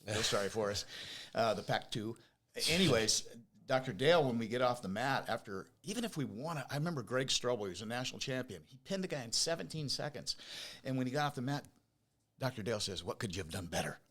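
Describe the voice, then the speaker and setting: A man's voice: mid-range voice, animated, fast, fairly bright tone. An American man in his fifties or older with a whistling s, telling his story conversationally as an interview guest, with emphatic repetition and rhetorical questions. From Oregon, United States. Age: 50s or older. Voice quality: whistling s from new teeth. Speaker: podcast guest, business owner.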